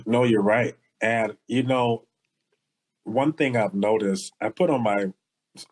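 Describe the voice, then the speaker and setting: Heartfelt co-host from Los Angeles. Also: male voice, lowish voice, takes it slowly, a little mellow, rough recording. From Los Angeles area. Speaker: podcast co-host. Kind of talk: casual podcast conversation.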